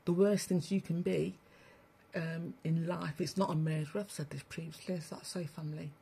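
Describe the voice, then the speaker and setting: In a ranting livestream, a female spiritual broadcaster addresses her listeners as family, delivering a blunt, preachy spiritual monologue full of swearing. She speaks in a low, steady voice at a moderate pace, creaky and dark-toned with a breathy edge.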